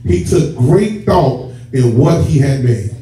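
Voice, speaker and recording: With a warm, mid-range, animated voice, a man preaching as a church elder takes things slowly and talks to the congregation conversationally, stretching key words. The sanctuary has a stage and rows of seats. The far camera at the back of the hall produces a distant, echoey, muffled and noisy recording.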